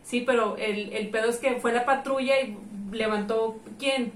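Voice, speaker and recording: A woman's voice: a little high, normal speed, slight background noise. A Mexican woman co-hosting a casual podcast chat, telling stories full of swearing and acting out the people in them. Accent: Mexican Spanish. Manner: profane, animated storyteller who acts out the people in her stories. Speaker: co-host. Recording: roomy echo, distant mic.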